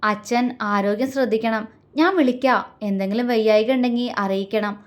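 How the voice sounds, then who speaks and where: A tender young husband from a spoken love story, gentle and reassuring, as a woman narrator voices him. The voice stays close to her own. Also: fairly high pitch, steady tone, a little fast, lightly acted. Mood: caring.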